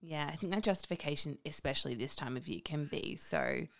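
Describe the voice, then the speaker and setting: A woman's voice: low voice, very animated, fairly quick, creaky, a bit bright. A young woman, co-hosting a casual podcast chat, speaking candidly and frankly. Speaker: podcast co-host.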